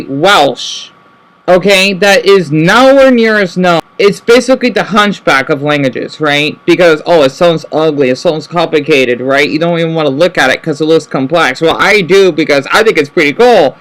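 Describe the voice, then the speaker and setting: A high-voiced male vlogger speaks casually to the camera, rambling on, correcting himself repeatedly, and ending points with "right?" He slows way down whenever he spells words out. The sound is slightly bright and the recording is rough.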